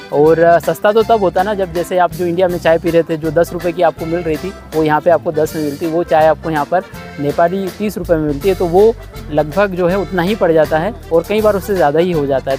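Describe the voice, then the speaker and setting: A man's voice: sits high, a little mellow. Chatty Indian male travel vlogger. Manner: chatty, rambling, frequent fillers. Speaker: travel vlogger and yoga teacher. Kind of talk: casual travel vlog narration. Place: outdoors by a lakeside ghat.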